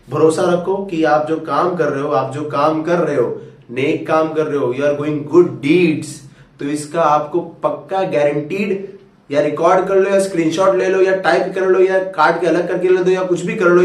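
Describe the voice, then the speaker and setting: Male tutor, fatherly motivational pep talk, echoey room. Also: fairly high pitch. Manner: fatherly, coaxing, calls listeners "beta". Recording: roomy echo, far from mic.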